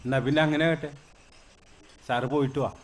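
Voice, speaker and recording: An actor playing a smug middle-aged restaurant owner who needles a customer with sly, mocking politeness, in a film scene with faint music. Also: male voice, on the high side, steady tone, brisk, slight background noise, close to an everyday voice.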